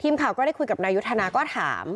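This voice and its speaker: A woman field reporter telling a news story in a chatty, animated way. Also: fairly high pitch, racing.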